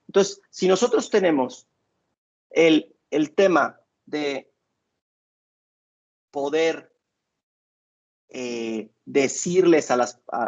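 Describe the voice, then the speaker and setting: A man's voice: mid-range voice, gravelly. A man, a doctor giving parenting advice to listeners, hesitating often and repeating words as he explains. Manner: hesitant, with many filler sounds and repeated words. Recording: dull lo-fi recording.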